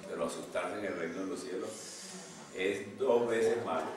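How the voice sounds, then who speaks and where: A man's voice: low voice, moderate pace. Older male pastor preaching in an echoey church. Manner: animated preaching, swings from loud outbursts to hushed asides. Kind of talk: sermon. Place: church sanctuary. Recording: echoey church from a distance, noisy.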